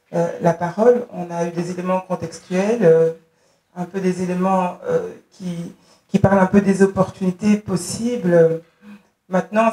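A woman's voice: lowish voice, mellow. A woman moderating a public discussion with a handheld microphone, speaking hesitantly with many fillers. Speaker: event moderator. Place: dark event hall on stage, seated. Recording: echoey hall with noticeable background noise.

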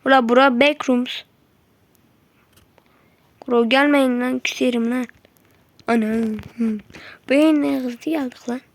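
A woman with a high voice talks through a game she is playing, in no hurry between bursts. She yelps at threats, shoos enemies away with slangy jabs and drops to muttering to herself. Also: steady tone, unhurried, vocal fry, long pauses, no echo. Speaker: gameplay streamer. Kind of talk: live gameplay commentary.

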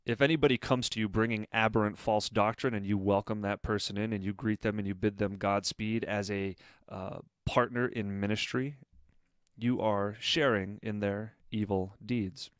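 Man, low and clear, earnest commentary with many fillers. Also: fairly even intonation, moderate pace, no room sound, studio quality. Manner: earnest, with frequent fillers and restarts. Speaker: online commentator. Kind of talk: critical commentary video.

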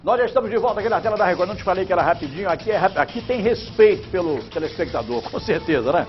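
A man's voice: high-pitched, animated, very fast, dull audio, faint music behind. An older man presenting news in a TV studio, chatty and emphatic, speaking into a lapel mic. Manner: emphatic, chatty, gestures while talking. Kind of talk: animated studio commentary.

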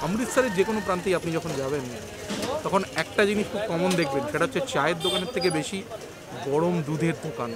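A young man talking through a face mask, describing food to viewers in a lively, casual vlog. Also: on the high side, fast, over loud music. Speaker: food vlogger. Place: busy city street outdoors. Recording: loud street and traffic noise.

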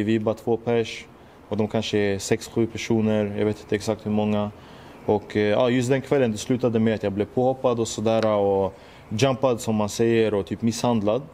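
A man's voice: fairly low pitch, dark tone, slight background noise. A young man, earnestly reflecting on his life in a personal monologue, full of street slang and "du vet" fillers. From Sweden. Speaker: musician telling his story.

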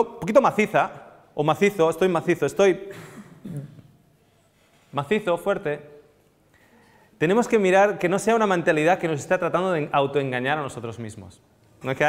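A man in his thirties giving a live nutrition seminar to a seated audience, animated and often asking the room questions, on a lapel mic. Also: sits high, big-room sound. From Spain. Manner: animated, asks the audience questions, gestures a lot. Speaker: nutrition lecturer.

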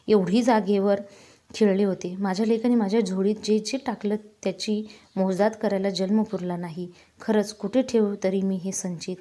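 A woman reading a heartfelt story aloud in a calm, measured, emotive way. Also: mid-range voice.

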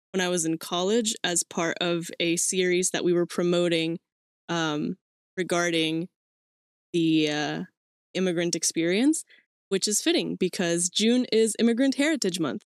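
A woman in her twenties from Mexico hosts her own podcast from a small, cluttered indoor room, talking casually solo and rambling with fillers and little laughs. Her voice is fairly low in pitch. The studio sound is clean and dry.

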